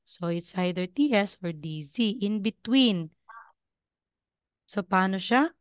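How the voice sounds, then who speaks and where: A woman's voice: mid-range voice, expressive, takes it slowly, no room sound, clean studio sound. A woman from the Philippines teaching Korean over a video call, patiently coaching students and repeating sounds. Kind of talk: online class teaching.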